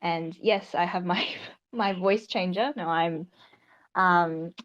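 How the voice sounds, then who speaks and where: This is a woman's voice passed through a voice changer, sitting a little low and moving slowly. She hesitates often and fills gaps with ums. The sound comes over dull, lo-fi online audio. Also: steady tone. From Australia. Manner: hesitant, many fillers. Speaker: project co-founder. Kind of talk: casual chat in an online audio room.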